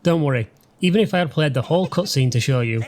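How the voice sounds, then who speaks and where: A man's voice: a little high, lively intonation, fast talker, crowd noise. A man from the UK, a gaming channel host, giving sarcastic, dryly mocking voice-over commentary over gameplay. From United Kingdom. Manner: sarcastic, dry mocking humour. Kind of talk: let's-play voice-over commentary.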